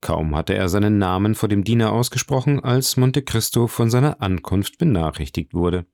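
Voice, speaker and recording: A man reading a classic novel aloud as audiobook narration in a measured, expressive way. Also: on the low side, vocal fry, no room sound. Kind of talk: scripted narration. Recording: dry close recording.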